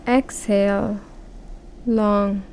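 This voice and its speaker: A woman leads a guided breathing exercise at an extremely slow pace, leaving long gaps between words as she counts breaths aloud. Her voice sits at a middle pitch, and faint ambience hums underneath. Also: flat delivery, a little mellow, a little hiss or hum, low-quality recording. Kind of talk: guided relaxation script.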